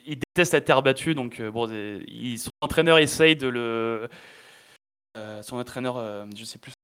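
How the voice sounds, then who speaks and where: A man's voice: mid-range voice, moderate pace, a bit bright, clean tone. A man from France hosting a casual chat, hesitant and full of restarts and fillers.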